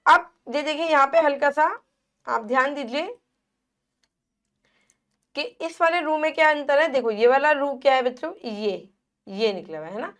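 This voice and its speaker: A woman teacher giving a lesson to young children, sounding out syllables slowly and asking them questions. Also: high-pitched, fairly bright tone. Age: adult. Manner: slow, drawn-out sounding of syllables; asks the children questions and repeats answers.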